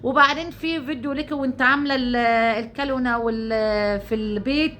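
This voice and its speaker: Egyptian lady vlogging, high voice, rambly and chatty, keeps calling viewers her dears. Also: fairly even intonation, fast talker, fairly bright tone. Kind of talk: casual commentary to viewers.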